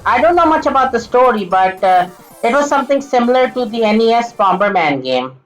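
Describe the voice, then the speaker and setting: A woman's voice: on the high side, animated, brisk, soft background music, poor audio. A woman giving casual let's-play commentary over a retro game, often stuttering, restarting sentences and laughing at her own slips. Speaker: gameplay commentator.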